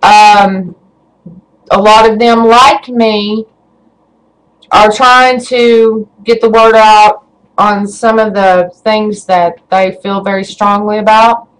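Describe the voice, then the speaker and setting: A woman's voice: medium pitch, flat delivery, slow, poor audio. Stammering woman ranting on webcam. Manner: stammering, building to shouting anger. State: shaking with rage. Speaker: vlogger. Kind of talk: emotional webcam rant.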